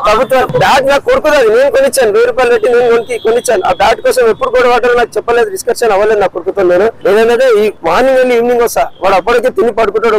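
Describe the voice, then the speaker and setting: Fast-talking grieving father. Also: extremely high pitch, poor audio. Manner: fast, repetitive, pleading. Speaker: grieving father interviewed by reporter. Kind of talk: emotional street interview. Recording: crowd noise outdoors.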